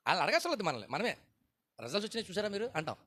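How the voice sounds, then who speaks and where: Fast, bright-voiced Telugu-accented pastor. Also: male voice, high voice, sing-song, no echo, studio quality. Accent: Telugu, coastal Andhra. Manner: rhetorical questions, emphatic repetition; acts out quoted voices of churchgoers. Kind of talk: sermon at a fasting prayer meeting.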